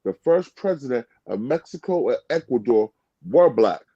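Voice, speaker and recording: A man talking in a casual podcast chat, animated and interrupting, swearing freely. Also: mid-range voice, normal speed, slightly rough, no echo, dull audio.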